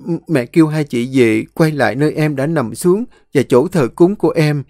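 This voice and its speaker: A man voicing a caring elder sister who speaks in a gentle, coaxing way. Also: on the high side, moderate pace, dry recording, clean studio sound, faint music behind, pitched above the performer's own voice, natural voice. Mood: excited.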